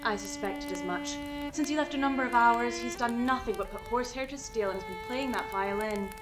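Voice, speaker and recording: An actress playing a brisk, wry landlady who chats and grumbles in an audio drama. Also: a little high, natural voice. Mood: chatty. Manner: chatty, wry, complaining. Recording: music clearly behind.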